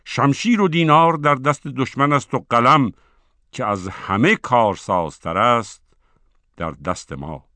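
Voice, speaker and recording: A man voicing a wise, calm and shrewd old male scholar in a storybook reading, in a measured, earnest way. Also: medium pitch, dry recording. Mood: thoughtful.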